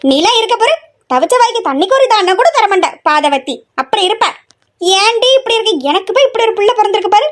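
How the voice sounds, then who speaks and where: A woman's voice: very high-pitched, expressive, fast talker, pitched above the performer's own voice. A woman playing a nagging middle-aged mother in a family comedy skit, scolding and complaining nonstop.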